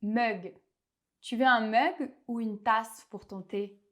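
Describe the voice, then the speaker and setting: A fairly high-voiced woman with a French accent gives a language lesson. She explains things clearly and patiently, and she slows her speech whenever she wants a pronunciation to stand out. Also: fairly even intonation, fairly bright tone. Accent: French of France. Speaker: French teacher.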